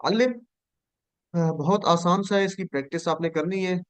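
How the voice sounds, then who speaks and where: A man teaching over a video call, his voice somewhat high and smooth, recorded dry and close. He says each word slowly and carefully, pausing so the students can say it back. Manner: patient, repeats words slowly for students to echo. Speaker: Quranic Arabic teacher. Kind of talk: online class drilling verb forms.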